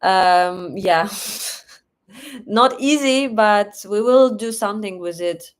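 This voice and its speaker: A young Russian-accented woman hosts a live stream, chatting casually in a mid-range voice at a slow pace. She reads chat questions aloud and thanks viewers for their donations.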